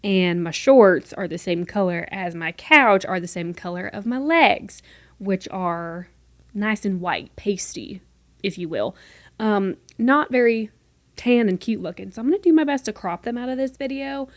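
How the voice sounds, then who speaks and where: A medium-pitched woman's voice, with no room sound. The speaker, a North Carolina podcast host in her twenties, records a relaxed solo show from her room, chatty, playful and quick, her mostly neutral American accent sometimes showing a light Southern lilt.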